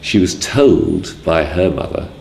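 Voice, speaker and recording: Deep gravelly older guy from wales, lots of ums, roomy sound. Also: animated, slow pace, a little mellow, a little hiss or hum. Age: 60s. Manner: hesitant, full of ums and restarts. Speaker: interviewee. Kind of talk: casual spoken memoir.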